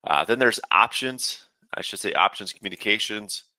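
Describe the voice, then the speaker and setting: Low, bright-toned male software trainer. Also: moderate pace, dry recording. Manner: casual, steady instructional talk with frequent "uh" fillers. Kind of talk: webinar software walkthrough.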